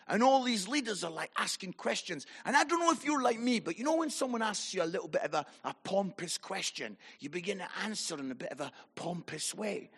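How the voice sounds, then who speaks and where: A middle-aged Scottish pastor telling funny stories in a sermon, acting out voices and shouting in his anecdotes. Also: sits high, husky. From Scotland. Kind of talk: humorous sermon storytelling.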